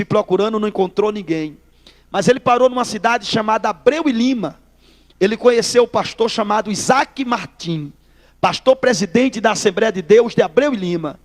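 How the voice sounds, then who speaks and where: A man's voice: high voice, fairly quick, big-room sound. A man from Northeast Brazil, telling his testimony in a sermon, acting out the dialogue as he goes. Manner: lively storyteller acting out dialogue, addresses listeners as brother. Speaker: preacher giving testimony.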